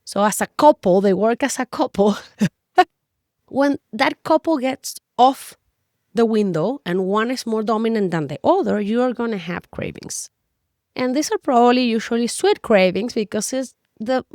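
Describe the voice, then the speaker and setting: A woman's voice: mid-range voice, a little mellow, no echo, clean studio sound. A middle-aged woman, a native Spanish speaker with a Spanish accent, explains things as a nutrition coach in emphatic, conversational, Spanglish-tinged English. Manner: non-native English with Spanglish word slips; emphatic, conversational, addresses listener directly. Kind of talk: explanatory talk to camera.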